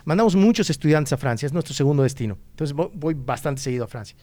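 A Mexican man talks as a podcast guest in a relaxed, lively way. His voice sits a touch high, and he keeps breaking into little acted-out quotes. He often trips over and restarts his sentences. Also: fast. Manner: animated storyteller who acts out quoted voices, frequent restarts. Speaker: guest, student exchange organizer. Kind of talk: casual conversation.

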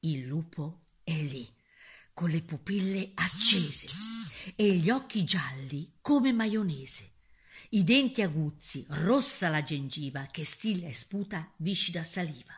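A woman's voice: low voice, lively intonation, takes it slowly, slightly rough. A woman reading a rhyming fairy tale aloud, playful and theatrical. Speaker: storyteller.

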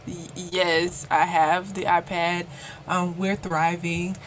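A young woman with a lowish voice talks in a relaxed, hesitant way, filling pauses with ums, as a podcast co-host. A faint hiss of noise sits under her voice. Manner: laid-back, hesitant with frequent ums. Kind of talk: casual chat.

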